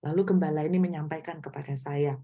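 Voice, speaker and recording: A woman's voice: low-pitched, steady tone, quick pace, dark tone, muffled recording. A middle-aged woman pastor giving a conversational sermon, often asking the congregation questions.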